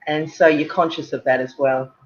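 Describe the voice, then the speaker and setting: Halting Australian woman on a video call. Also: low voice, fairly even intonation. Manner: halting, many fillers and repeated words. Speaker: guest. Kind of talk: casual interview chat. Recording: muffled lo-fi video-call audio.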